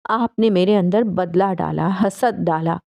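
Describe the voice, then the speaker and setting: A woman voicing an enraged young woman who shouts and bites out her words at her mother. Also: on the low side, vocal fry, no room sound. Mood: furious. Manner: shouting, then cold and biting.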